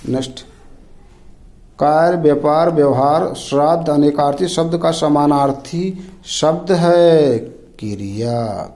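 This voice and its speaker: A man's voice: a little high, steady tone, takes it slowly, mellow, poor audio. A man tutoring Hindi exam questions, reading each option aloud and naming the wrong one. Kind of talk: rapid quiz walkthrough.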